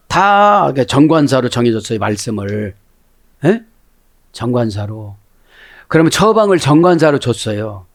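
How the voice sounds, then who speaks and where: A male pastor delivering a sermon, often checking in with his listeners with short questions and acting out voices. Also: mid-range voice. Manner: animated, constantly prompting the congregation with "에?"; acts out quoted voices within the sermon.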